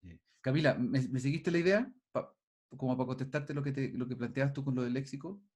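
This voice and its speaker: A man's voice: mid-range voice, a little fast, darkish tone. A male teacher giving an online class over a video call, thinking aloud with frequent restarts and putting questions to his students.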